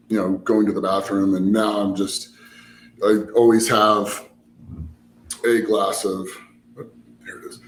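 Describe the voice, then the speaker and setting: Low-voiced man, rambling, in a roomy space. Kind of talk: casual conversational storytelling. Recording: roomy echo, background noise.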